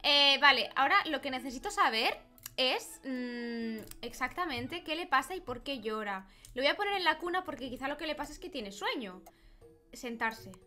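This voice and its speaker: High bright excitable Spanish woman gamer. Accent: Spanish from Spain. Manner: excitable, squeals over cute things. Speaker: gaming YouTuber. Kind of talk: casual gameplay commentary. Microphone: desk microphone with headphones.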